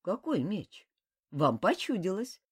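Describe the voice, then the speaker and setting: Woman reading a sly scheming ex-god guy, mocking and measured, lively delivery, dry sound. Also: mid-range voice, slightly rough, dry recording, heavily acted. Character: cunning male former god, cool and scheming.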